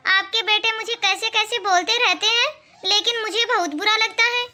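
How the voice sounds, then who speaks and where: A woman's voice: very high voice, fairly even intonation, moderate pace, pushed and bright, heavily acted. A woman voicing a sulky, stubborn young wife in a cartoon, complaining and defiant. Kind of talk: cartoon voice acting.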